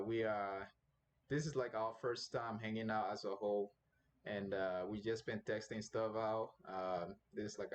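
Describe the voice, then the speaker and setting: A young man talks through his match in a loose, rambling way, full of ums and uhs. His voice sits fairly low. A faint hiss of noise runs under the recording. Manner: rambling, filler-heavy, thinking aloud. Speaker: gameplay commentator. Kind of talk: casual gameplay commentary.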